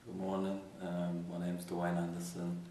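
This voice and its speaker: A man from Birmingham speaks about his work in a low, extremely flat voice, hesitating often. He sounds distant in a strongly echoing room. A faint rumble sits behind him. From Birmingham, England. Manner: measured, hesitant with ums. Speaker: interview guest, mentoring organisation founder. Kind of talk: casual interview. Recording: echoey room, mic far off, faint rumble.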